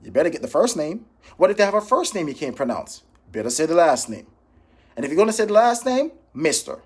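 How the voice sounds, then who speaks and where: A Jamaican man, a financial professional coaching sales calls, gives an informal motivational training talk with role-played phone examples. His voice is on the high side, very animated, a little fast and somewhat mellow with a breathy edge. He's emphatic, repeats key phrases, and checks in with his listeners.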